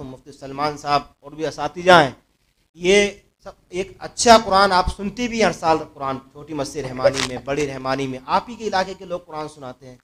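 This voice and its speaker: A man preaching a sermon to a mosque gathering, telling a moral story earnestly, repeating phrases and letting his voice swell louder at key points. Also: on the high side. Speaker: mufti giving a religious talk.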